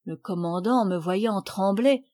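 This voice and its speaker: A woman reading a children's storybook aloud with clear, expressive narration. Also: medium pitch, a little slow. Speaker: audiobook reader.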